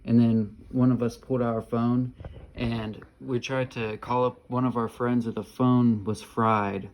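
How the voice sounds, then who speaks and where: A man's voice: medium pitch, level tone, a little slow, muffled recording, slight background noise. A man vlogging about his dreams in a casual, rambling monologue, hesitant with many fillers and restarts, yet earnest and insistent.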